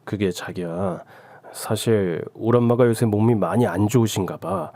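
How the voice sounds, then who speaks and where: A man's voice: fairly low pitch, normal speed, warm tone, no room sound, close to an everyday voice. A man voicing an evasive young husband who keeps placating his wife in a radio drama. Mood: wheedling. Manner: placating, wheedling.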